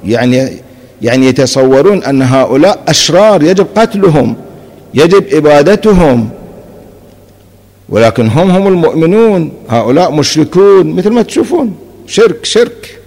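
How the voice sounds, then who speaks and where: A man's voice: fairly high pitch, lively intonation, normal speed, a little mellow. A man giving a Quranic commentary lecture as a religious scholar, explaining point by point and mixing classical and colloquial speech, pressing key points with rising emphasis. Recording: long hall reverb.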